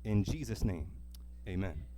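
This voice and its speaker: A low, dark-toned male voice delivers an animated church sermon at a measured pace, speaking live to the congregation. He's earnest and emphatic, repeating key phrases and drawing responses with questions to the listeners.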